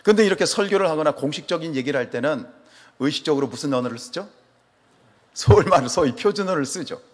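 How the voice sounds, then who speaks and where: Fast and fairly high-pitched, a Chungcheong-born pastor preaches in the large hall of a church sanctuary, his Chungcheong Korean accent clear. He's animated throughout, quizzing the congregation and answering his own questions.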